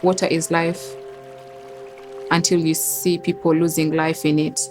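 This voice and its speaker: A woman speaking in a measured, deliberate way in a documentary interview. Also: low-pitched, little pitch movement, darkish tone. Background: music.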